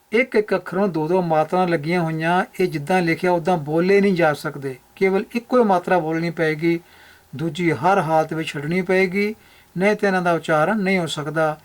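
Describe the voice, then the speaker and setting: A man gives a teaching lecture about pronunciation, laying out each rule step by step. He talks methodically, restating the key points to drive them home. His voice sits a little high for a man. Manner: methodical, repeats key rules for emphasis. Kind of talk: explanatory lecture over slides.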